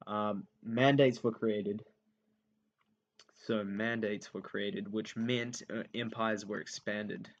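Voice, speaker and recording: A young man with a lowish voice talks through history revision notes, pausing on "um" and saying each point again as he writes it. The recording sounds dull and lo-fi, like a simple home setup. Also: steady tone. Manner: thinks aloud with many ums, repeats key points as he writes them down. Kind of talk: unscripted revision lesson while writing notes.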